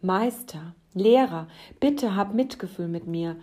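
A woman's voice: mid-range voice, takes it slowly, darkish tone, husky. A woman voicing an anxious, devoted young male monk who stammers and begs his master. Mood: pleading. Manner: stammering, pleading, begging.

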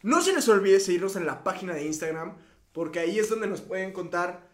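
A man co-hosting a casual podcast, excitable and swearing, bursting into shouts. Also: high voice, brisk. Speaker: podcast co-host; music producer and DJ. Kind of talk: casual chat. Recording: roomy echo.

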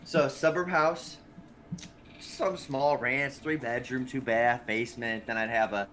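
A man chatting on a casual podcast, rambling through stories and swearing freely. His pitch sits right in the middle for a man, and he talks in a loose, easygoing way. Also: steady tone, unhurried, fairly bright tone, a little hiss or hum. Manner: profane, rambling storyteller. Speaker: podcast co-host.

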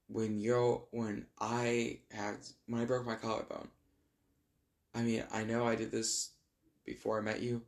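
A man's voice: mid-range voice, gravelly. A young man earnestly reading a heartfelt thank-you letter he wrote, then adding his own unscripted remarks. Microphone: recorded to camera for posting.

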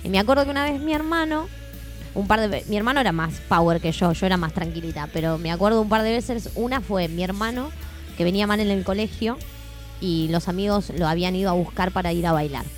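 A woman's voice: medium pitch, fast, soft background music. A woman with an Argentine accent, co-hosting a radio chat show and animatedly acting out family stories. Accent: Argentine Spanish. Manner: animated, acts out family scenes. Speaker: co-host. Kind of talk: casual radio chat, storytelling.

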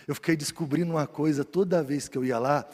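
Pastor, man, high voice, story sermon, echoing church hall. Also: fairly quick. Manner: lively storyteller, swings from loud preaching to quiet asides.

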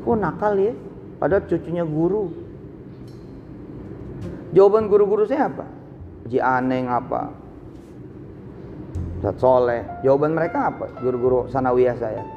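A man preaching a live sermon, telling stories with sudden swings from low asides to high exclamations. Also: normal speed, pauses often, in a large hall, highs cut off, music in the background. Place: large hall, live event.

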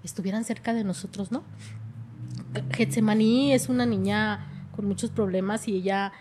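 A woman's voice: mid-range voice, fairly even intonation, moderate pace, noisy background. A middle-aged woman, telling her life story in an emotional way and often repeating her words. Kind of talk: personal testimony.

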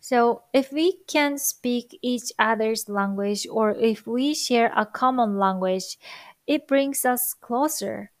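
Her voice a little high and free of echo, a language-learning vlogger whose native tongue is Japanese talks with a Japanese accent. She reflects for her viewers thoughtfully, delivering her words slowly and carefully with soft fillers.

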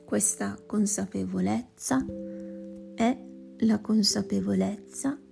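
A woman leading a guided meditation in a slow, soft voice that often sinks to a whisper. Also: medium pitch, creaky. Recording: music playing behind voice. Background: plucked guitar music.

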